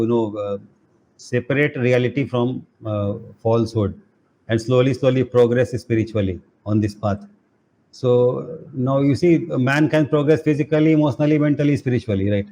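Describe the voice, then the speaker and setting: A man's voice: mid-range voice, mellow, poor audio. Man teaching with many "you know" fillers. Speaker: spiritual teacher. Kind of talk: casual online class talk.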